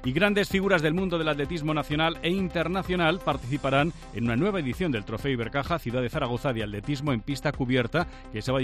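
Brisk male radio news presenter from Spain. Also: mid-range voice. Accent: Spanish, from Spain. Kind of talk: scripted news bulletin.

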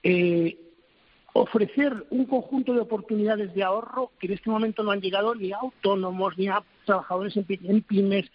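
A government official answering interview questions, a man who talks haltingly and searches for his words. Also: high voice, steady tone. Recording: dull lo-fi recording.

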